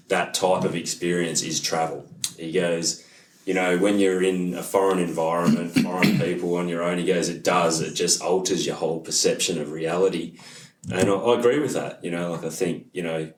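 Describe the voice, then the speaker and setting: A man, a podcast co-host, chatting casually and laughing often, with lots of fillers. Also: low voice. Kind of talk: casual chat. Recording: echoey room, voice from a distance.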